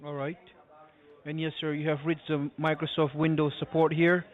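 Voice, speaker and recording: A man working as a call center tech support agent, speaking politely and haltingly in a scripted customer service manner. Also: a little high, little pitch movement. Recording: tinny narrowband phone line.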